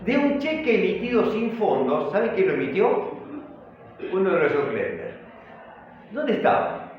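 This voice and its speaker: A man preaching a sermon as pastor, animated and full of rhetorical questions. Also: high-pitched, unhurried, very echoey, highs cut off, a little hiss or hum.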